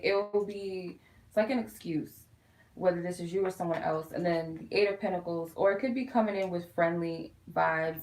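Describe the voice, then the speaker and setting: A woman's voice: on the low side, roomy sound, rough recording. A woman chatting informally to viewers as she gives a casual tarot reading on a live stream from home. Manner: informal, chatty, addressing viewers as "you guys". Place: quiet room at home.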